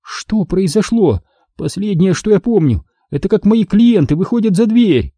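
A sardonic young woman, quick to anger and dry in her humor, voiced by a male narrator. The voice is lifted well above his own and swings widely in pitch. It sounds close and dry. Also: lively intonation, dark tone, dry recording. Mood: dazed. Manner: indignant, sardonic. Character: sharp-tongued young woman, café owner's daughter. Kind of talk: audiobook reading.

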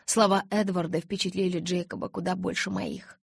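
A woman narrating a first-person novel in an expressive, dramatic way, recorded close on a studio mic. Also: on the low side, moderate pace, creaky, breathy edge, dry recording. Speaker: audiobook narrator.

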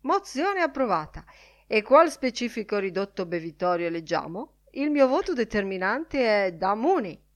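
A woman's voice: mid-range voice, sing-song, normal speed, pitched above the performer's own voice, close to an everyday voice. A woman reader voicing a pompous, jovial man who declaims a mock-formal motion in a raised voice. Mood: mock-solemn.

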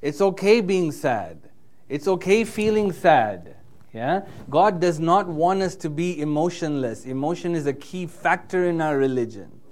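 A man's voice: a little high, animated, unhurried, a little mellow. A man giving a religious lecture in English, who recites passages fluently in Arabic and often checks in with "yeah?" and "right?". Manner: earnest, emphatic delivery. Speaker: preacher.

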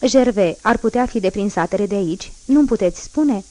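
A woman's voice: medium pitch, animated, darkish tone, no echo, natural voice. A woman voicing a desperate, guilt-ridden middle-aged ex-convict man who pleads and questions urgently, in a storybook reading. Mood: pleading.

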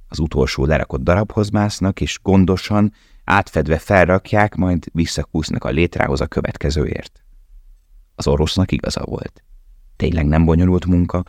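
A man reading an audiobook in a steady, measured narration. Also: very deep voice, dry recording, clean studio sound. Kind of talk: scripted narration.

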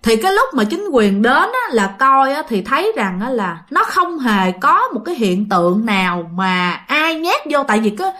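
A woman's voice: on the high side, big pitch swings, normal speed, few pauses, pushed and bright. A woman with a Southern Vietnamese accent telling a ghost story in a chatty, dramatic way, often addressing her listeners directly. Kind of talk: casual spoken storytelling.

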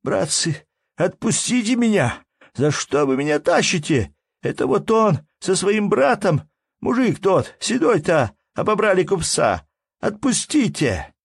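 A man's voice: sits high, very animated, measured pace, gravelly, husky, no echo, voice pushed up, exaggerated voice. A man reading an audiobook, voicing a frightened young peasant who pleads in a trembling voice. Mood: pleading.

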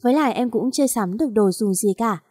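A woman's voice: fairly high pitch, animated, fast, a little mellow, dry recording, clean studio sound. A woman voicing a determined young boy who is earnest and protective of his little sister. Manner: earnest, pleading.

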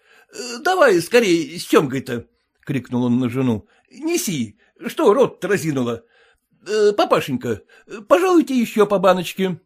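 A man's voice: high voice, wildly swooping pitch, exaggerated voice. A man voicing a middle-aged host at a pancake feast who fusses and coaxes his guests into another drink. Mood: coaxing. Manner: fussy, coaxing, hurried. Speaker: reader. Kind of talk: reading a classic comic story.

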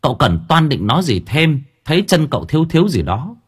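Lively husky male story narrator. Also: on the high side, a little fast. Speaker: audiobook narrator.

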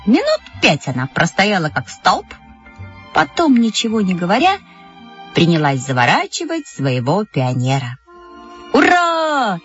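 A woman narrating a first-person children's story, animated and expressive. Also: fairly low pitch, moderate pace. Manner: animated, playing a girl narrator. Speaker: audiobook reader. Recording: dull lo-fi with music behind.

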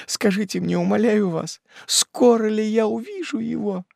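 A man's voice: sits high, moderate pace, creaky, a little mellow, no room sound, clean studio sound, pitched above the performer's own voice, heavily acted. A man reading an audiobook and voicing a desperate, grief-stricken widowed mother in frantic, pleading cries. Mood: pleading, eager.

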